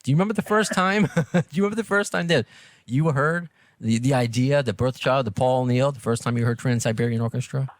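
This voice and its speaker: This podcast host, a New Yorker from Long Island and Brooklyn with the accent to match, chats casually in a rambling, self-deprecating interview conversation. He talks fast in a mid-range voice, and there's no room sound.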